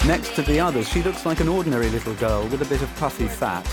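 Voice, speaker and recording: A man reading scripted audio description of a film in the present tense, in a measured, descriptive way. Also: medium pitch, expressive, loud music behind the voice.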